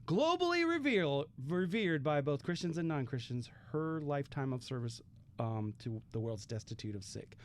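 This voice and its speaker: A man's voice: mid-range voice, moderate pace, a little mellow, a little hiss or hum. A man co-hosting a radio show in a studio, teasing his co-hosts and laughing often. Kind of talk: casual radio banter.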